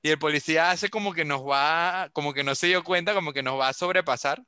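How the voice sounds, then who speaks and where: A young Venezuelan man tells a story in a casual online chat, slipping into other people's voices as he goes. His voice is bright and clear, a little higher than most men's. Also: brisk, no echo, clean studio sound.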